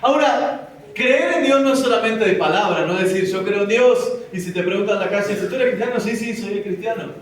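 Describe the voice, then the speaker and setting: High-pitched man preaching, pastor voice, sounds far off in a big echoey church, faint noise behind. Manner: preaching to a congregation, acting out listeners' objections. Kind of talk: sermon. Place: church hall.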